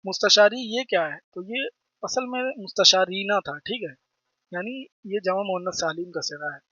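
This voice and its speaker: Brief: man with a delivery, high voice, teaching grammar with a dry, dull lo-fi sound. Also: moderate pace, sharp tone, no room sound. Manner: repeats terms, asks and answers own questions. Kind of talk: explaining grammar lesson.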